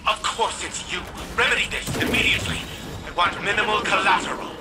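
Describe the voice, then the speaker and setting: A man's voice: sits high, animated, brisk. An actor voicing a fussy, imperious male scientist whose mind lives in a machine, in a game cutscene, talking in a peevish, commanding way. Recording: loud score under game dialogue. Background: loud music.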